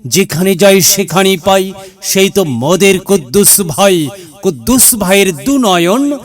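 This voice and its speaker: A man's voice: sits high, lively intonation, a little slow. A man announcing an election campaign promo in a formal, declamatory way, chanting rhyming slogans. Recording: music bed behind the voice.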